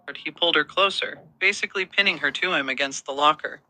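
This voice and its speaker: A man reading a romance story as narrator, in an even, steady storytelling manner. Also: fairly high pitch, fast, dry recording, rough recording.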